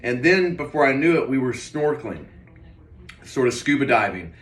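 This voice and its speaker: A vlogger with a mid-range, slightly bright voice rambles casually through a personal story about a dream, sounding very animated at a moderate pace. He recounts it in a hazy, puzzled way, his phrases trailing off hesitantly. The distant mic picks up a roomy echo.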